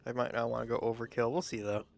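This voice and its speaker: A man's voice: medium pitch, level tone, fast, creaky. A man co-playing on a stream, chatting easily and swearing casually. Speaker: stream co-player. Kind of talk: casual chat while gaming on stream.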